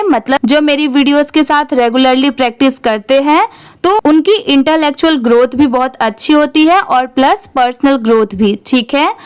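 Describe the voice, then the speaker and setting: A woman's voice: high-pitched, dry recording. A woman with an Indian accent teaching English reading, patiently spelling words out letter by letter and asking questions. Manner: reads English text very slowly, word by word. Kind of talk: slow spelled-out reading lesson.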